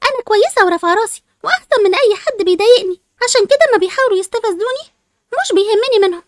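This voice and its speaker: A hurt, whiny young Egyptian girl with a very high voice, as a woman plays her. She talks very fast, and the recording is close and dry. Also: lively intonation, no room sound. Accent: Egyptian Arabic.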